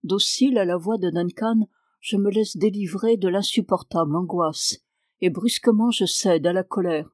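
A woman narrating a novel in the first person, with a measured, expressive reading. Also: medium pitch, no echo, studio quality. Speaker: audiobook narrator.

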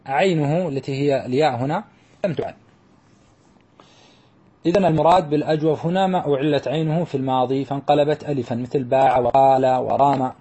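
A man's voice: mid-range voice, warm tone, breathy edge. A man teaching a grammar lesson, explaining step by step and drawing out the example words.

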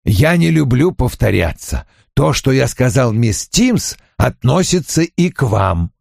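A man voicing a stern, commanding male detective who speaks in a dry, measured way. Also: medium pitch, very animated, gravelly, darkish tone, dry recording, voice pushed up, exaggerated voice. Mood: imperious.

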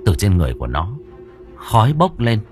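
Male audiobook narrator, low husky voice, lively intonation, dramatic horror storytelling. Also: fairly quick, over music.

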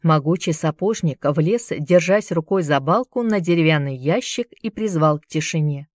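A woman narrates a novel in a steady, measured audiobook reading. Her voice sits fairly low, and the recording is dry and close, with no room around it. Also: dry recording. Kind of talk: scripted narration.

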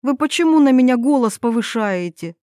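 A woman's voice: a little high, measured pace, darkish tone, dry recording, clean studio sound, close to an everyday voice. A woman reading a novel aloud, voicing an exhausted woman lost in a forest who pleads and questions. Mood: indignant. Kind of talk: audiobook character reading.

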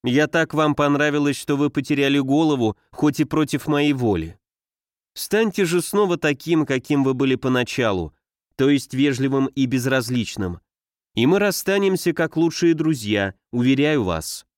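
A man's voice: medium pitch, expressive, moderate pace, dry recording, lightly acted. Pleading young lady in an audiobook, read by a man, dry close sound. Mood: cool reproachful. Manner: pleading, agitated.

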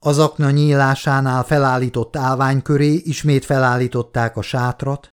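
A man reading a novel aloud as an audiobook narrator, in a steady, measured way. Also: medium pitch. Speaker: audiobook reader. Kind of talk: scripted narration.

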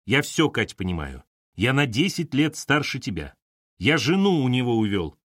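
A man's voice: mid-range voice, very animated, normal speed, fairly bright tone, no room sound, studio quality, voice pushed up. A man reading an audiobook, voicing a blunt older male colleague who coaxes and pushes. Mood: pleading.

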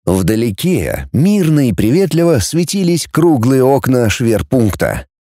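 A male narrator reads an audiobook with expressive storytelling. His voice is dark and mellow, and his pitch moves a great deal. The recording is close and dry. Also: measured pace, no room sound.

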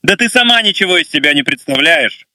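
A man's voice: on the high side, lively intonation, a little fast, pushed and bright, no room sound, clean studio sound. A man voicing a drunk, arrogant young man who sneers and taunts the people around him. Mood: taunting. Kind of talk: audio story narration.

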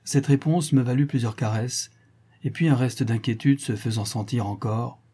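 A man narrating a classic novel as an audiobook, with a measured, expressive reading full of pauses. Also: mid-range voice, breathy edge.

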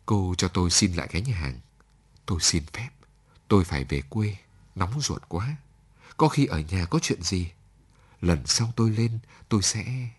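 A man's voice: low voice, animated, moderate pace, pauses often, husky. A man reading a story aloud, voicing an anxious, guilt-ridden married man who speaks hurriedly and apologetically.

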